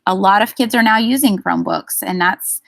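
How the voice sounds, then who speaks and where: A woman presenting a staff training session, explaining procedures in a steady way with frequent ums. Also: medium pitch, brisk, gravelly, no room sound.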